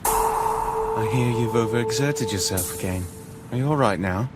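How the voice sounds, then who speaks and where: A man voicing a calm, protective, serious character in an English anime dub. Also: medium pitch, measured pace, over loud music, lightly acted. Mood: calm, concerned.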